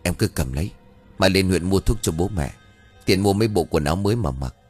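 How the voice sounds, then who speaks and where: A haunted young village husband talks in an earnest rush, low and a little husky, as a male narrator voices him. He comes across as anxious, a character in an audio horror story. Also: lively intonation, brisk, faint music behind.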